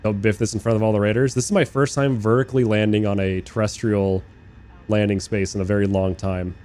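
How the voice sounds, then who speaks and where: Chatty low-voiced young man streaming. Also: little pitch movement, brisk. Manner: chatty and rambling, swears freely, talks to chat; bursts into loud incredulous rants. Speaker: game streamer. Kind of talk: casual live-stream chat while flying a flight sim. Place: living in Australia.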